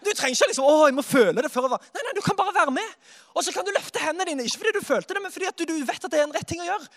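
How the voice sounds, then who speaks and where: Man, very high voice, preacher, lively sermon, soft then loud exclaiming.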